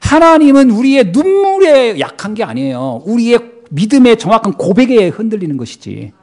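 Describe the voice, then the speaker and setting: Animated Korean preacher with big swings. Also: male voice, very high-pitched, normal speed. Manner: dramatic swings between loud emphasis and hushed asides; acts out quoted dialogue in the sermon. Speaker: pastor. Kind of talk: sermon.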